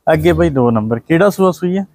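A man's voice: fairly high pitch, animated, a little fast, darkish tone. A man with a Punjabi accent hosting a casual walkthrough of cows for sale on an outdoor dairy farm, repeating and praising each point. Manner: repetitive, praising, echoes answers. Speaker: livestock video host. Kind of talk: casual livestock sales walkthrough.

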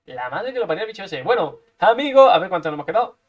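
A man's voice: high voice, sing-song, fast. A man from Spain, commentating his own gameplay live, playful and full of repeated sound effects. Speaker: gaming streamer.

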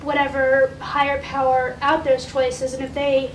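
Teenage girl, high voice, earnest, halting, echoey distant room. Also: monotone. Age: teens. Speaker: student participant. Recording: echoey room from far off with noise.

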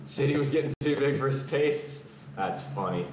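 A young adult fitness streamer from the American South, with a mid-range voice, sounds animated and talks at a normal speed. He casually answers viewer comments between exercises on a live stream from his home gym. A distant camera mic picks up echoey garage acoustics and background noise.

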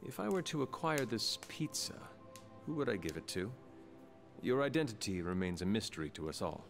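An actor playing a calm, solemn man in a video game, speaking formally and in a measured way without contractions. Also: fairly low pitch, gravelly, soft background music.

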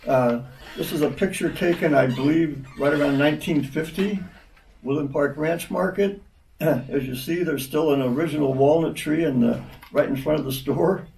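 Older man reminiscing, gravelly and distant. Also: on the high side, a little mellow, roomy sound, a little hiss or hum. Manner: halting, many restarts. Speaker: interview guest. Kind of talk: reminiscing conversation.

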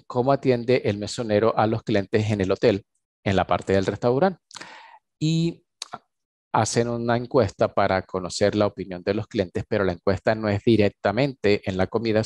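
A man teaching a conversational English lesson. He stretches out the English model phrases slowly and then explains them. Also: lowish voice, darkish tone, no echo. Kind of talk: recorded online lesson.

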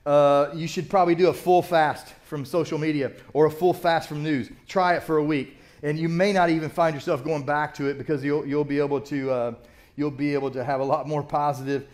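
A man's voice: on the high side, fairly even intonation, fairly quick, darkish tone. An older man, a pastor, preaching a sermon in a church in a conversational, self-deprecating storytelling way. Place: church sanctuary.

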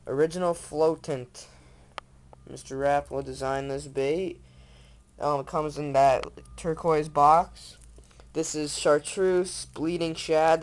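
A young man rambling enthusiastically while showing off fishing lures on a handheld camera at home, with lots of fillers and restarts. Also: a little high. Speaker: fishing vlogger. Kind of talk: casual off-camera product show-and-tell. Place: small room indoors at home. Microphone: handheld camera built-in mic.

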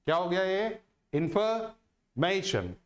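A man teaching a lesson on word stress, slow and deliberate, who asks questions and answers them himself. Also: high voice, expressive. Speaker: English teacher.

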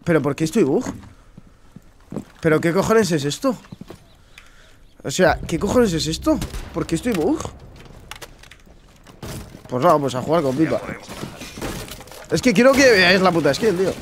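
A male gaming streamer with a Spain Spanish accent talks through his match in a loose, chatty way, swearing often and calling out to his viewers. His voice sits a bit higher than most men's. A faint noise runs under the recording. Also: sing-song, unhurried, pauses often. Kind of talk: casual gameplay commentary.

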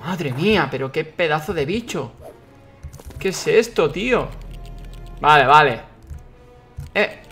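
Young guy w/ yelling at a game, kinda high voice, game music faint behind. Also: takes it slowly, pauses often. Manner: excitable, swears a lot, yells at the game. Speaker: gaming YouTuber. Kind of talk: let's play commentary.

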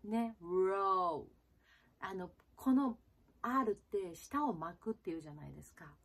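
A woman from Japan, a jazz singer and pronunciation teacher, giving a friendly video lesson with lots of fillers and soft asides. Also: mid-range voice, animated, breathy edge. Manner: chatty, with frequent fillers and soft tag particles; slow, drawn-out sound demonstrations.

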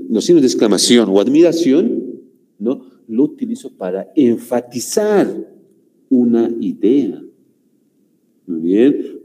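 A man's voice: medium pitch, warm tone, low-quality recording. A man with a Bolivian Spanish accent teaching a grammar class, who keeps repeating "muy bien" and "señores" and asks the class rhetorical questions.

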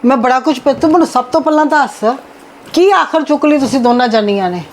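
A woman's voice: high-pitched, lively intonation, fast talker. A woman playing a stern mother-in-law who scolds and demands answers in a family drama skit. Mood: scolding. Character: stern mother-in-law, scolding and proud of her elder daughter-in-law.

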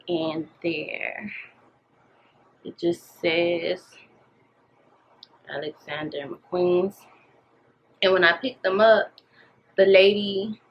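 An American woman in her thirties vlogging casually, chatting in slangy girl-talk to her viewers. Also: mid-range voice. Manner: slangy, girl-chat way of talking, addressing viewers as y'all. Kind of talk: casual chatty get-ready-with-me vlog. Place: bedroom at home, indoors. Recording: dull audio with room noise.

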